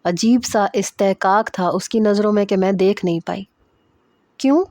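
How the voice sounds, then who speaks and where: A woman reads a first-person romance story in a steady, even voice of middling pitch. The sound is dry and close, with no room echo at all. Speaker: story narrator.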